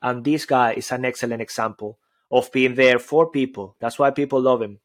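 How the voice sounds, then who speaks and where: Offering motivational advice on public speaking during a live audio show, this Venezuelan-accented co-host brims with energy and emphasis. He stacks phrase upon repeated phrase in a mid-range voice at a moderate pace.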